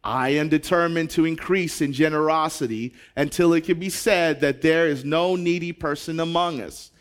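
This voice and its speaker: High-voiced energetic pastor, a man from Zambia. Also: moderate pace. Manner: energetic, exclaiming to the congregation. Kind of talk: sermon.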